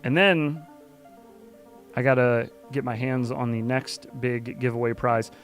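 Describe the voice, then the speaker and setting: A man hosting a live stream, chatting casually and excitably, swearing now and then. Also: medium pitch, unhurried, soft background music. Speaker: livestream host.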